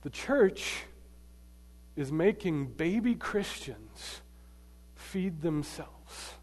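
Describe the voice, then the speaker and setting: A man preaching a sermon to a live congregation, emphatic, swinging between loud bursts and quiet asides and quizzing the audience. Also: a little high, very animated, drawn-out words. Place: large church hall. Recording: long hall reverb.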